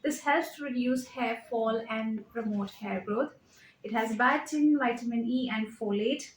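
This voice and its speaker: A woman's voice: on the high side, a little slow, a little hiss or hum. Chatty woman in an echoey room. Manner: chatty, reads out labels, trails off with fillers. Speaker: lifestyle vlogger. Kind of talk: casual show-and-tell vlog. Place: home living room.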